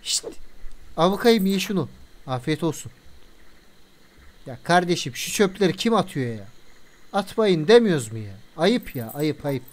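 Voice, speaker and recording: Game commentary, casual let's-play, playful, chatty, teasing scolding, mid pitch. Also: big pitch swings, moderate pace, pauses often. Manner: playful, chats to viewers and scolds game characters. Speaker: gameplay video creator.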